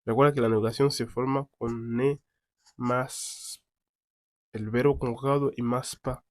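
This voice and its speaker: Man, French teacher, unhurried, mid-pitched voice, dry close sound. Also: steady tone, no room sound. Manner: repeats each French word slowly and clearly. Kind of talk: slow beginner quiz lesson.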